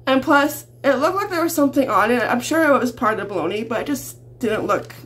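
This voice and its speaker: Filming a casual grocery haul in her small home kitchen, this chatty Canadian vlogger speaks in a high, somewhat bright voice with lively intonation and a fairly quick pace. She rambles and chuckles frequently. The camera audio is noisy.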